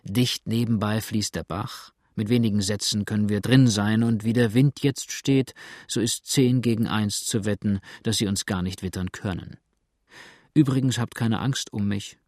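Man as a bitter runaway, hungry, complaining, low-voiced, dry. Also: steady tone, normal speed, a little mellow, no echo, close to an everyday voice. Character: hungry, bitter male runaway, defiant and restless.

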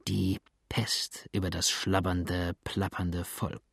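A man voicing a wary, grumbling male fugitive who mutters in a low, hushed voice. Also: level tone, slow, vocal fry, slightly rough, no room sound, studio quality, full character voice.

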